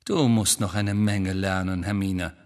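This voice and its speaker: A man voicing a wry, teasing grown man wizard who talks in an unhurried way, in a German audiobook. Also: low-pitched, fairly even intonation, darkish tone, big-room sound.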